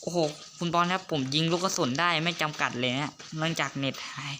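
A man giving casual gaming commentary, excitable and teasing, with loud outbursts and swearing. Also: on the high side, fast talker. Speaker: gamer and video host. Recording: noisy home recording.

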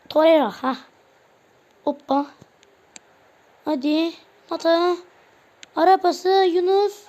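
A woman's voice: very high-pitched, a little mellow. A woman giving casual play-by-play commentary on her own football video game match, firing off player names in short bursts and grumbling when plays go wrong. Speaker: gaming channel host. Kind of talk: casual live gameplay commentary.

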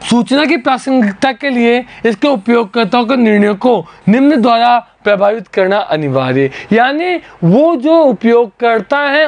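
A man's voice: extremely high pitch, a little mellow. A man teaching accounting to school students, explaining each term step by step and repeating key words. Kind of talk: classroom lecture. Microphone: recorded lecture for an education channel.

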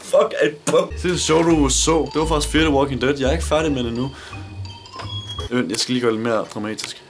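A nineteen-year-old man from Denmark works through viewer questions in a casual vlog. He talks in a blunt, joking way and swears constantly. His voice sits at a middling pitch, with faint music in the background. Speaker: YouTuber.

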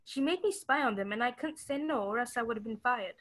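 In a stage-style mystery radio play, a woman plays a put-upon maid, polite and earnest yet somewhat defiant. Her fairly high, slightly bright voice moves fast and sounds nervous.

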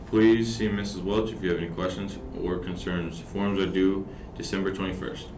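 A teenage male student anchor reading scripted morning announcements for a high school. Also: fairly even intonation, moderate pace, darkish tone. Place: indoor school studio at a desk. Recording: roomy, distant mic, background noise.

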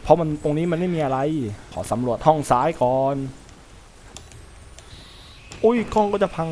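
A man provides gameplay commentary while playing a horror game, jumpy and talking to himself, yelping whenever something startles him. His voice is on the high side, expressive, and darkish in tone, at a normal speed. There is slight background noise.

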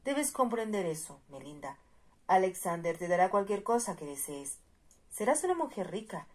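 A worldly captain who coaxes his friend with easy reasoning, as a woman narrator reads him in a low, husky voice. The delivery is calm and persuasive, as in a storybook reading. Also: normal speed.

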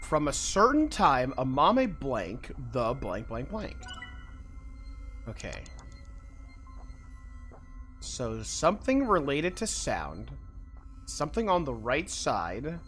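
With video game music in the background, this medium-pitched streamer takes things slowly and pauses often. He reads the game's text aloud, mutters along, and keeps up animated, playful commentary sprinkled with exclamations.

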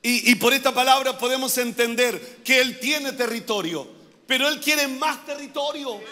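A male pastor, preaching a fervent sermon that keeps repeating and building to shouts. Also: very high-pitched, normal speed, big-room sound. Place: church.

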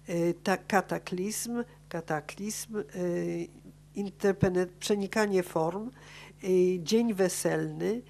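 In a conference auditorium, a woman with a fairly low, slightly mellow voice reads an academic paper aloud into a gooseneck table microphone. She follows her script and occasionally stumbles over words.

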